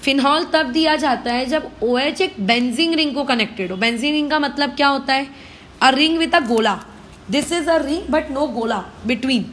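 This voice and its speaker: A woman's voice: high-pitched, unhurried, a bit bright, a little hiss or hum. An Indian woman teaching chemistry, mixing Hindi and English, spelling out names letter by letter and answering her own questions. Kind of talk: online lesson, working problems aloud.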